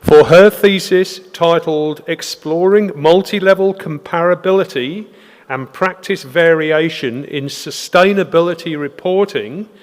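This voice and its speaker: A man presenting doctoral graduates at a ceremony in a measured, formal manner. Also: a little high. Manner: measured, formal, announcing names. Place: large ceremony hall. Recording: hall reverb with faint crowd.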